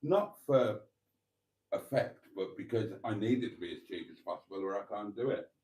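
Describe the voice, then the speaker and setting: In a casual live-stream chat, a British vlogger in his fifties rambles with frequent ums and restarts, self-deprecating and calling his viewers darlings. His low, mellow voice is animated and moderately paced, though the recording is rough.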